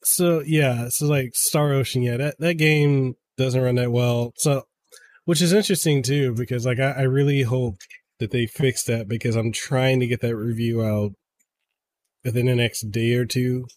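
A man in his thirties, a game reviewer guesting on a podcast, talking in an excitable way and often stumbling over repeated words. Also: mid-range voice, moderate pace. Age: 30s. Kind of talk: casual podcast chat.

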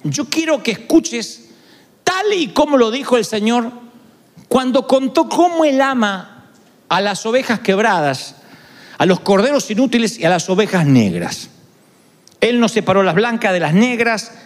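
A man's voice: very high-pitched, sing-song, measured pace. A male pastor preaching a sermon, acting out the words of the people he quotes. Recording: echoey hall with long reverb.

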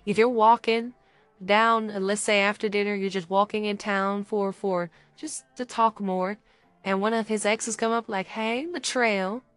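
A woman's voice: mid-range voice, moderate pace, smooth, no echo, soft background music. A woman co-hosting a podcast, giving casual dating advice to other women and acting out little scenes. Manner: animated, acts out dialogue with others' voices. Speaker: podcast co-host.

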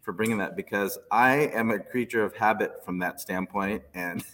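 A man hosting a casual chat, self-deprecating and quick to laugh. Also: fairly low pitch, fairly bright tone, big-room sound, slight background noise.

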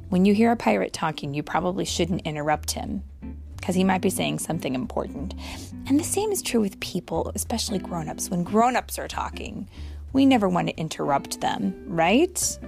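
A mother reading a picture book aloud to her children, animated, dropping into whispered asides and asking them questions. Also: medium pitch, vocal fry.

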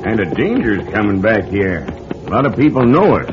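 A man's voice: on the low side, big pitch swings, fairly quick. An actor playing a wary, eager outlaw henchman with folksy wording in an old western radio drama. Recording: muffled, noisy vintage radio recording.

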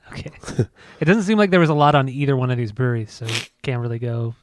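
Animated and fast, a man with a mid-range voice co-hosts a podcast, casually chatting, cursing and joking around with his friend. There's a little hiss or hum in the recording.

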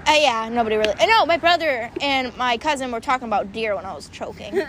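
Giggly high-voiced teen girl. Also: animated, quick pace, a bit bright. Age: teens. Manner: giggly, joking, rambling. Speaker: podcast co-host. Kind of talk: casual chat. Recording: noisy recording.

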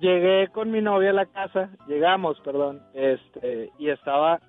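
A man's voice: high-pitched, measured pace, dry recording, faint music behind. A young man from Monterrey, calling in to tell a story, hesitant with many fillers. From Monterrey, Mexico. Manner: hesitant, fillers, acts out quoted lines. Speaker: caller. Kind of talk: telling a story on a call-in show. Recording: tinny phone line.

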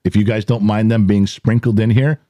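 A man's voice: on the low side, fairly even intonation, brisk, mellow, no echo. A middle-aged man hosting a casual podcast in a rambling, self-deprecating way, with audible heavy breathing and huffing between phrases. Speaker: podcast host.

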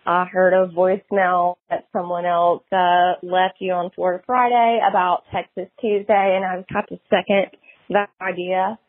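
A woman's voice: lowish voice, level tone, moderate pace. A woman from Tennessee leaving a casual voicemail message as a listener of a show. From Tennessee, United States. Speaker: listener calling in. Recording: tinny phone voicemail line.

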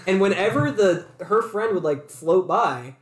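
A man's voice: sits high, a little slow. A young man co-hosting a podcast, telling a story in casual chat and acting out both sides of an argument. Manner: animated storytelling, acts out both sides of quarrels. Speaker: podcast co-host. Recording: echoey room.

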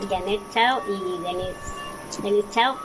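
A woman in her forties with a Mexican Spanish accent, an author and speaker, shares her personal story conversationally as an interview guest. She speaks slowly at a medium pitch, over music, in a rough recording.

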